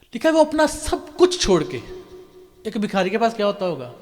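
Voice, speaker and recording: A male pastor giving a lively sermon, often asking his congregation questions and slipping in English phrases. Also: high voice, normal speed, long reverb tail, slight background noise. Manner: animated preaching, asks the congregation questions, mixes in English. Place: church hall.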